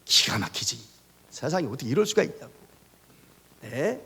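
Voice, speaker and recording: A male pastor giving a sermon, telling stories in an animated way and putting rhetorical questions to the congregation. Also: mid-range voice, moderate pace, gravelly, slightly rough, in a large hall. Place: church sanctuary.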